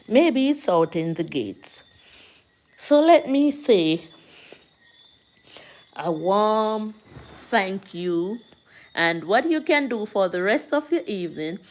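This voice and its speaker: A Jamaican woman with a medium-pitched voice hosts a casual livestream, chatting with viewers and reading their comments aloud slowly and preachily.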